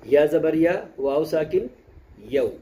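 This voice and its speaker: Male tutor, mellow voice, patient, repeats points and drills syllables aloud. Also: medium pitch, low-quality recording. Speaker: Quran recitation teacher. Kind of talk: explanatory lesson. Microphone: close mic, shows lip shapes to camera.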